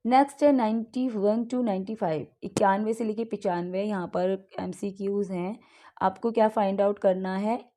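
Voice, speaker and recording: A young woman with an Indian English accent runs English exam practice, reading each question slowly before explaining it in Hindi. Her voice is medium-pitched and mellow.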